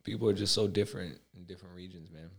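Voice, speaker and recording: A man's voice: low-pitched, fairly even intonation, fast talker, vocal fry, slightly rough. A young man from Albania in casual chat, rambling with lots of fillers and swearing.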